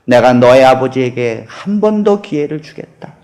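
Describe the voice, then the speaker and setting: A man voicing a solemn male grim reaper spirit in a folk tale, speaking in slow, grave pronouncements. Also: medium pitch, expressive, a little mellow, voice pushed down, natural voice.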